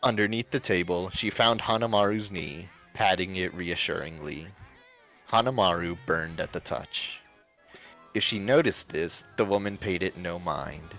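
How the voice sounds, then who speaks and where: Reading a fan fiction story aloud on a livestream, with music in the background, a man speaks a little slowly in a deep, slightly bright voice. The reading is expressive and broken up by casual banter.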